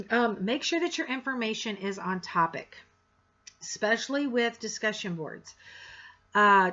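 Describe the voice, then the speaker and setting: Lady teacher going over course rules, says it how it is, a bit sarcastic, sharp bright voice. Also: mid-range voice, highs cut off. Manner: direct, frank, sarcastic asides. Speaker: college instructor. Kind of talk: course introduction lecture.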